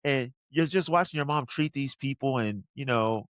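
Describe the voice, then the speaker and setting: A man hosts a relaxed interview, affirming what he hears and leading into follow-up questions. His voice sits at a middle pitch, with dry, close sound. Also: moderate pace, clean tone, dry recording. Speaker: interview host. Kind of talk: casual interview.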